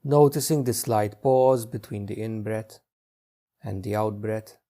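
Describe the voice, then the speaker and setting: A male meditation teacher guides listeners through a session in a lowish voice. His instructions are gentle and unhurried, broken up by long pauses.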